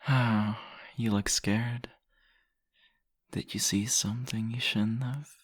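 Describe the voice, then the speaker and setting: In an intimate ASMR roleplay, a man plays a seductive, possessive vampire, teasing and murmuring deliberately in a husky, gravelly voice. The voice is on the low side with a steady tone, recorded in studio quality with no room sound.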